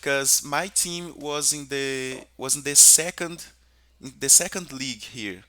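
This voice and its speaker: Brazilian guy practicing english, slow and hesitant, bright voice. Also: medium pitch, dry recording. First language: Portuguese. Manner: hesitant, repeats words while searching for them. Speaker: English student. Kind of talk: casual conversation practice.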